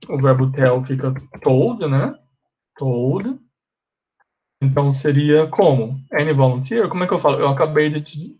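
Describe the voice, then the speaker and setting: A man's voice: on the high side, a little mellow. Brazilian man teaching a class. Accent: Brazilian Portuguese. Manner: repeats examples slowly and quizzes students. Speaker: English teacher. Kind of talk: live class explanation.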